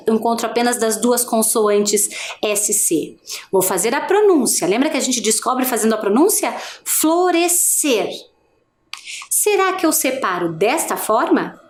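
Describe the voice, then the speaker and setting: A woman teacher giving a recorded video lesson. She asks her students questions and slowly draws out each example word. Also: high voice. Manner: slow, drawn-out pronunciation of example words; asks the class questions and pauses. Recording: echoey room with faint hiss.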